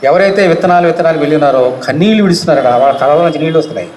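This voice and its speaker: A male pastor with a Telugu accent preaches at a rapid clip, his voice pitched fairly high. He fires questions at the congregation and calls out to them. The sound carries the echo of a church hall. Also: a little mellow, a little hiss or hum. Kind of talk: sermon.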